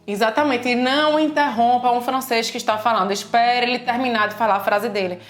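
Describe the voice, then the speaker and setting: A Brazilian woman with a Brazilian Portuguese accent, explaining customs in a casual video lesson with lively examples. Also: a little high, fairly quick. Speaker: language teacher and co-host. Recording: echoey room with faint music.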